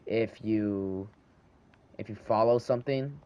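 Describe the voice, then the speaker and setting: A teen gaming channel host with a slight lisp rambles over gameplay at home, thinking out loud and frequently starting over as he speaks into a handheld mic. He takes it slowly, in a fairly low, mellow, smooth voice.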